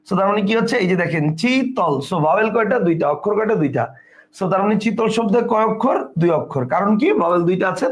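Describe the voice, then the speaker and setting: Male tutor, high bright voice, brisk self-quizzing grammar lesson with English words mixed in. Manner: explains step by step, asks and answers his own questions; mixes English words into his speech. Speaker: teacher. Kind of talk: exam-prep grammar lesson.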